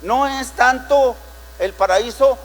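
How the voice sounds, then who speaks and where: A man's voice: extremely high pitch, slow. Preaching man in a reverberant church hall. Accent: Mexican Spanish. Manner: preaching with dramatic retellings and rhetorical questions. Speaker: pastor. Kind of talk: sermon.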